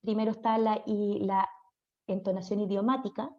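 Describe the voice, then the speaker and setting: A woman's voice: mid-range voice, fairly even intonation, moderate pace. Woman, Chilean accent, speech therapy lecturer, chatty, frequent tag questions, dull lo-fi sound. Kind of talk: online class lecture. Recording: dull lo-fi audio.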